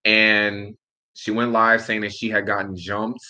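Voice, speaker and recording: A man's voice: on the low side, level tone, a little slow, pushed and bright. A man from upstate New York interviewing a guest in a casual, conversational style. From Albany, New York, also Brooklyn and Long Island.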